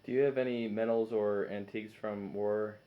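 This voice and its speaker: A man's voice: lowish voice, steady tone, normal speed. A man working as an interviewer, reading out questions. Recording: slightly dull, lo-fi sound.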